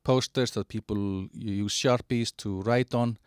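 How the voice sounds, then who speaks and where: A man giving a halting walkthrough of an online platform, with many fillers and restarts. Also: fairly low pitch, steady tone, clear, resonant tone, no room sound, clean studio sound. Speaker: presenter of a digital platform. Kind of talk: screen-share product walkthrough.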